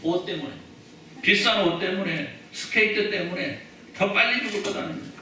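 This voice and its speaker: A male pastor preaches in a chatty, joking manner, turning again and again to the congregation with questions. His voice is bright and forward. It rings through a very echoey church hall, caught by a distant mic over faint room noise. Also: high-pitched, normal speed. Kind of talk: sermon. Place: church sanctuary.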